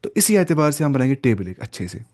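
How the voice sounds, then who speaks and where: A man's voice: medium pitch, sing-song, darkish tone. Man teaching with constant questions. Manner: repetitive question-and-answer teaching, mixes English terms. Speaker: Arabic teacher. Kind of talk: classroom lecture.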